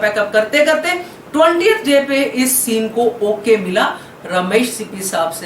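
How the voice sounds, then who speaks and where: A woman hosting a film vlog, telling stories casually and chatting with her viewers. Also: a little high. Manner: chatty, laughs while telling. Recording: roomy echo, distant mic, faint hiss.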